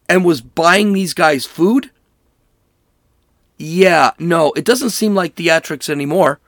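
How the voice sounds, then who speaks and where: A man's voice: a little high, a bit bright, dry recording, studio quality. A man giving angry, emphatic political commentary, hammering points through repetition. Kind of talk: ranting commentary.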